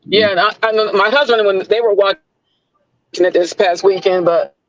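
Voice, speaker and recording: A woman's voice: medium pitch, moderate pace, no echo. A middle-aged woman calling in from her car to a live stream panel. Her audio breaks up and she talks hesitantly, restarting her sentences. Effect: live stream call audio breaking up. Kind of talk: casual chat. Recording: dull lo-fi call line.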